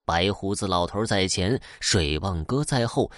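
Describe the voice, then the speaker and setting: Lively low-voiced male storyteller. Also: unhurried, no room sound, clean studio sound. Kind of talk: spoken folk-tale narration.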